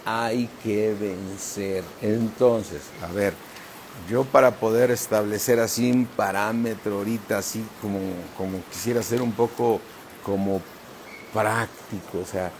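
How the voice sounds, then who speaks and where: A man's voice: fairly low pitch, a little mellow, a little hiss or hum. A man preaching a sermon as pastor, emphatic and often asking "¿sí?" of the congregation. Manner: slow, emphatic preaching with frequent "¿sí?" checks.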